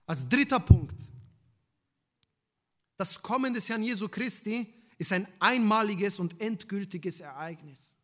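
Man, preacher, sermon, high voice, rhetorical questions, loud and hushed by turns. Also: expressive, measured pace. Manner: emphatic, swinging between loud and hushed.

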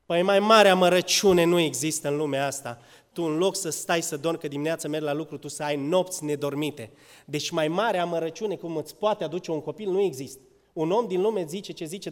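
A man preaching a sermon to a congregation, swinging between loud exclamations and quiet asides. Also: a little high. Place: church. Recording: church hall with long reverb.

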